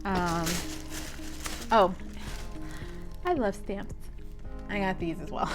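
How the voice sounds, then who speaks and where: A woman's voice: medium pitch, takes it slowly, over music. A young woman with a Southern accent, chatting casually and rambling as a teacher vlogger. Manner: chatty, rambling, many "like"s and restarts. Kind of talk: casual vlog chat.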